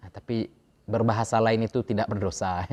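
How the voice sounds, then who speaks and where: A man's voice: fairly low pitch, fairly even intonation, normal speed, a little mellow, lo-fi sound. A man teaching an Arabic grammar class, chanting verb conjugations in a rhythm and joking about regional dialects. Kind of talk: classroom lecture.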